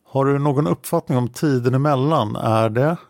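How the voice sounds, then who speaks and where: Man reading police inspector, probing, gravelly, dry close sound. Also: medium pitch, no room sound, close to an everyday voice. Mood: questioning. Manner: probing, repeats answers back as questions. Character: male police inspector questioning a witness. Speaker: interrogator in a read-out police protocol.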